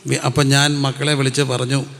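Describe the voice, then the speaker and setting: A man's voice: medium pitch, level tone, vocal fry, a bit bright, long reverb tail. A man preaching a sermon as a pastor, asking the congregation questions, answering them himself and calling out hallelujah. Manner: slows right down when reciting prayer lines.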